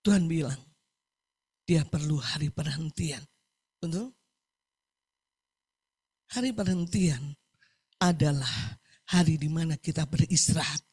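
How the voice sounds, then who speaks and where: A woman's voice: low-pitched, a little slow, pauses often, a little mellow, slightly rough. A woman preaching a sermon over a video call, emphatic, repeating key phrases and asking the congregation for agreement.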